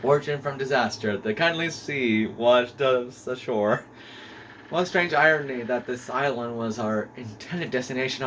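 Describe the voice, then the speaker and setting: A man's voice: mid-range voice, a bit bright, slight background noise, voice pushed down, close to an everyday voice, low-quality recording. A man voicing a pompous, grandiose male aristocrat with theatrical, self-important delivery while reading game dialogue aloud.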